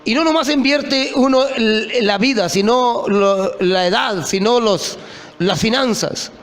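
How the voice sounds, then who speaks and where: A man's voice: very high voice, slow pace, fairly bright tone. A man preaching an impassioned sermon, often calling out to his listeners as brothers.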